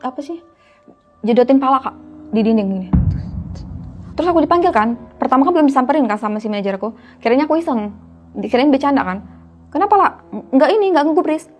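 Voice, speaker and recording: A young woman with a high voice tells a horror story casually to a host as a guest storyteller. She's chatty and keeps calling the host "Kak." The audio sounds dull.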